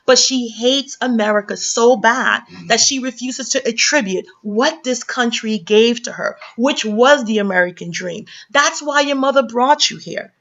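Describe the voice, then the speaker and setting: A woman's voice: on the high side, a little slow, few pauses, a bit bright. A woman from the Caribbean giving heated opinion commentary in a vlog, lecturing her viewers with many fillers and restarts. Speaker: commentary vlogger. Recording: dull lo-fi sound.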